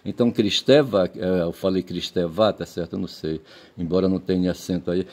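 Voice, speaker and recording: A man's voice: deep voice, little pitch movement, quick pace, dark tone. A man giving a rambling, casual monologue at home, swearing a lot, chuckling at his own jokes and tagging his sentences with checks for agreement. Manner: digressive, crude swearing, frequent "tá certo?" and "sabe?" tags, laughs at own jokes. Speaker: video commentator.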